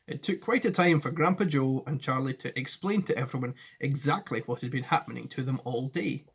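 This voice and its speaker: Recorded on a device camera at arm's length, a forty-something teacher reads a children's story expressively in his living room and chats with his pupils in a friendly manner. His mid-range voice is husky with vocal fry, and he speaks fairly quickly.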